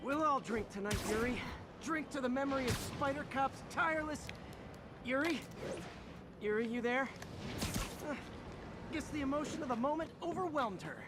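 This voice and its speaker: An actor playing an earnest young male hero and scientist, talking quickly in a wry, self-deprecating way, heard as game audio. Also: very high voice. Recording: game audio under heavy noise.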